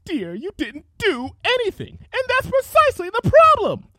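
A woman's voice: fairly high pitch, huge pitch swings, a little slow, dry recording, pitched above the performer's own voice, full character voice. A woman doing Rarity, a vicious posh unicorn. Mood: furious. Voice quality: affected posh drawl, says darling. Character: cruel vain female unicorn pony seamstress.

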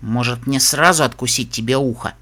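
A man's voice: medium pitch, steady tone, fairly quick, pushed and bright, pitched below the performer's own voice. A man voicing a sarcastic young unicorn mare. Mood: scolding. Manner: sarcastic, mocking.

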